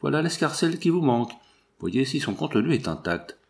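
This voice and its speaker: A man voicing a stern middle-aged ex-foreman who speaks low and clipped, through clenched teeth. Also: big pitch swings, fairly quick, vocal fry, a little mellow. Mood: formal.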